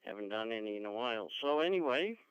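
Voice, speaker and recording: Very clear male radio operator, dry sound. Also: mid-range voice, animated, fast, fairly bright tone, dry recording, lo-fi sound. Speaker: amateur radio operator checking in. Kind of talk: casual radio check-in chat.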